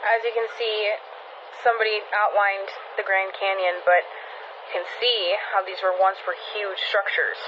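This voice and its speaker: An excited woman talks over a series of pictures, leaning in as if letting you in on a secret and speeding up in quick bursts. The recording is slightly dull and lo-fi, with a faint hiss underneath. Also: medium pitch. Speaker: social media creator. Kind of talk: casual talk over pictures.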